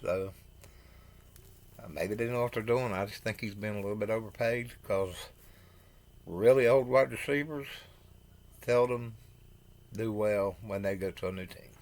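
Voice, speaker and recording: Low-voiced man reading football news. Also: darkish tone. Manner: halting, apologetic, stumbles over names; opinionated asides. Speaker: host. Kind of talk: reading NFL news from notes.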